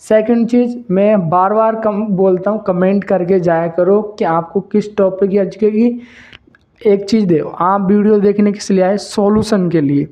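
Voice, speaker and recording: A man's voice: high voice, steady tone, moderate pace, mellow. A man hosting his own channel, explaining business ideas to viewers in a repetitive, emphatic way and calling them brother. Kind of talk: explaining to camera, casual lecture.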